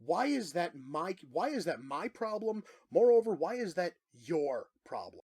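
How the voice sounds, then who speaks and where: Guy on a voice changer that makes him sound weirdly high and fake, griping, firing off annoyed questions. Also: very animated, unhurried, a little mellow, slightly rough. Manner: complaining, asks indignant rhetorical questions. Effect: high, jarring pitch-shifting voice changer. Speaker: online video commentator. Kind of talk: clip from a commentary video.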